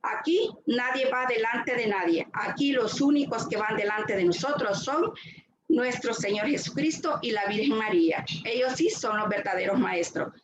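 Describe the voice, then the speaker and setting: Woman speaker, fairly high voice, earnest testimony, echoey noisy room. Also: normal speed, dull audio. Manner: earnest, repeats words while searching for them. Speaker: retreat speaker giving a talk. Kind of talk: faith testimony talk.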